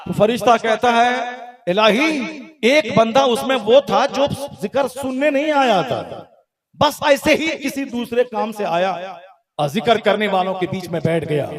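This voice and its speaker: A man preaching a fiery sermon at a religious gathering, swelling in pitch and volume through his lists and dropping low for asides to the audience. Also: expressive, a little slow. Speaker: Islamic preacher. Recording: live event with crowd noise. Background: crowd.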